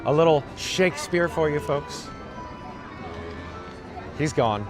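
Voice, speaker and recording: Taking it slowly, a man with a slightly high, raspy voice reads viewer chat on an outdoor livestream along a parade route. His tone is a dry, self-mocking monotone. The handheld camera rig serves as the mic, with crowd noise and music behind him.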